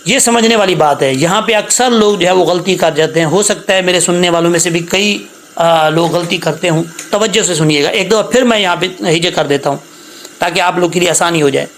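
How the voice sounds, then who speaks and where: A man with a fairly high voice gives a patient recitation lesson. He spells each word out sound by sound, then draws the verse out in a slow, melodic chant. He keeps stopping to ask his listeners whether they follow. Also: a bit bright, slight background noise. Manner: checks understanding with repeated questions. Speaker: Quran recitation teacher. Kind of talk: tajweed lesson, spelling words letter by letter.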